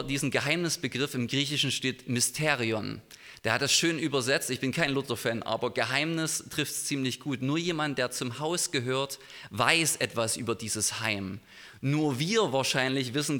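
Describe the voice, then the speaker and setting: Bright-voiced pastor preaching in a church. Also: male voice, mid-range voice. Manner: explanatory, thoughtful. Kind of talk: sermon. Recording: long hall reverb in a church.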